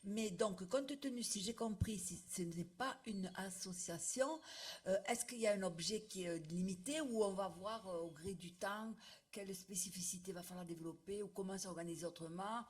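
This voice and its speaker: A woman's voice: mid-range voice, moderate pace, husky. A woman in the audience asking a question, hesitating and rephrasing as she goes. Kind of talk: question from the floor.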